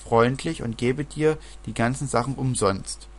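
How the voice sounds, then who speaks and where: A man's voice: mid-range voice, unhurried, lightly acted. A man reading the lines of a bossy little girl who directs a game of playing shop.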